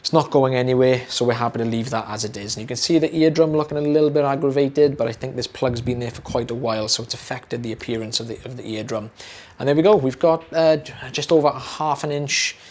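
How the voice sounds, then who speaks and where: A young British audiologist talks to camera about a procedure, relaxed and chatty, full of fillers and repeated words. His mid-range voice is slightly hoarse, like he's losing it, and he talks fast with few pauses.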